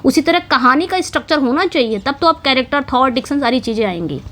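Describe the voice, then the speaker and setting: Her voice is high, expressive, fairly bright and fast as she leads an English exam-prep class. She breaks everything into steps and keeps checking with "ठीक है" and "समझ में आ गया".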